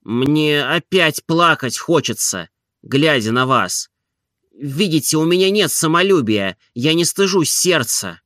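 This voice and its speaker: Oblomov, a timid pleading gentleman read by a man. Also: fairly high pitch, lively intonation, no echo, clean studio sound. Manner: slow, soft and pleading. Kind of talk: audiobook character reading.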